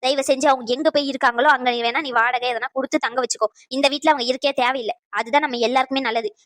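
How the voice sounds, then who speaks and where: A woman's voice: high-pitched, steady tone, fast, a bit bright, no room sound, clean studio sound. A woman voicing a stern, domineering older mother-in-law in a cartoon, scolding and lecturing. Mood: cold. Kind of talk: cartoon voice acting.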